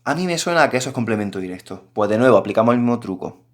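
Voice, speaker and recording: A man's voice: mid-range voice, animated, very fast. A man teaching a recorded grammar lesson, explaining patiently and addressing his students directly.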